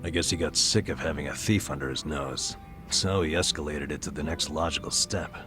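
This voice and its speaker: An extremely low male voice, fairly quick, delivers a video game character: a burned-out, middle-aged ex-nurse recounting his past in an American accent. The tone is wry and regretful, with self-deprecating weariness, and music plays underneath.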